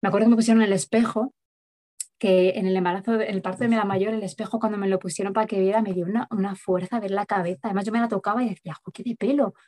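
A woman recounts her own story as an interview guest. She talks fast and chattily, filling her sentences with fillers as she goes. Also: mid-range voice, fairly even intonation, mellow. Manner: rapid, chatty, many verbal fillers. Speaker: guest mother recounting a home birth.

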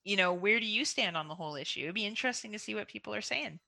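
A woman's voice: medium pitch, animated, rapid-fire, creaky, bright, forceful tone, no echo. A woman from Canada co-hosting a casual podcast, telling a joking, self-mocking story. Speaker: podcast co-host.

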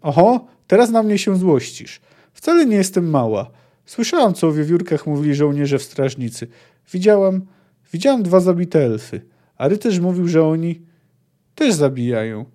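A man's voice: big pitch swings, moderate pace, warm tone. A man reading a book aloud and voicing a curious, stubborn young girl who is learning the sword. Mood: indignant. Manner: reading a book's dialogue aloud, raised pitch for the girl.

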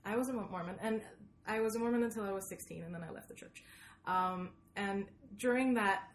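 Being interviewed about her podcast, this medium-pitched Swedish native speaker tells stories conversationally in an animated manner, often halting and cutting herself off. The audio carries a roomy echo and background noise from the echoey room she's in.

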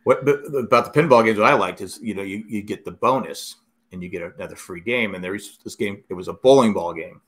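A man's voice: fairly low pitch, fast talker, fairly bright tone. An older man in casual conversation, rambling and restarting his sentences as he reminisces. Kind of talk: casual chat.

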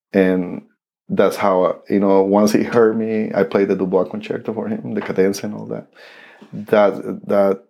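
A man from Costa Rica with a Costa Rican Spanish accent, a native Spanish speaker telling his story in an interview, halting with many restarts and fillers. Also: on the low side, vocal fry, darkish tone. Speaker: interview guest, saxophonist.

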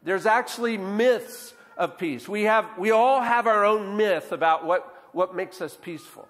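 A man's voice: high voice, unhurried, a bit bright, big-room sound. A man preaching a sermon as a pastor, conversational and often checking in with the congregation. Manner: conversational, often adds "right?" to draw in the congregation.

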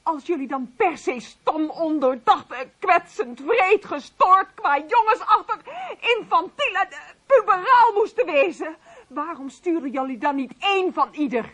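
An actress playing an emotional wife, plaintive in grief and scolding in indignation, in a radio play. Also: female voice, high voice, expressive, measured pace, fairly bright tone. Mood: indignant. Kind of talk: studio radio play acting.

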